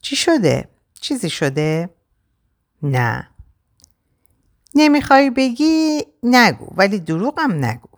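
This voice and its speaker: A woman voicing a caring young female heroine in a storybook reading, gentle and coaxing, her voice lifted well above her narration. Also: medium pitch, big pitch swings, long pauses, pitched above the performer's own voice.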